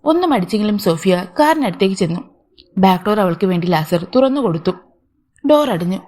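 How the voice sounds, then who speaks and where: A woman narrating a story, reading all the characters' lines in her own voice. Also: medium pitch.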